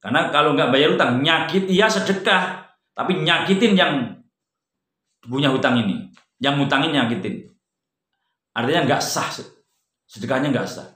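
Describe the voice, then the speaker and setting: A man giving an informal religious study talk, conversational, jumping from loud emphatic peaks to quiet, low asides. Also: expressive, moderate pace, pauses often. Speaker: religious teacher. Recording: roomy echo.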